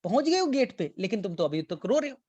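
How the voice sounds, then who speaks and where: A man's voice: sits high, very animated, fast talker, darkish tone, dull audio. A male teacher gives a biology lecture in a playful, storytelling manner. He acts out a father and a child who is scared of school, keeps repeating key phrases, and slips in English terms. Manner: mixes English terms into Hindi. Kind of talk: classroom lecture with analogies.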